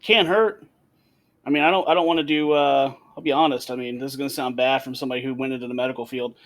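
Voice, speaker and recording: A man's voice: mid-range voice, fairly even intonation, fast, fairly bright tone. A man co-hosting a podcast, chatting casually and animatedly over a remote call, laughing often and restarting his sentences. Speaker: podcast co-host.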